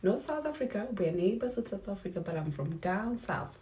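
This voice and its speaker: A woman's voice: medium pitch, very animated, brisk, warm tone, far from the mic. A woman from Zimbabwe giving an earnest, reflective faith talk to her viewers and asking many rhetorical questions. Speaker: vlogger.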